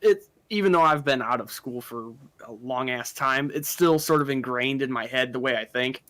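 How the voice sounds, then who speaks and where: A man co-hosting an anime podcast in casual chat, tossing in quick joking asides. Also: medium pitch, fairly bright tone. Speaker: podcast co-host.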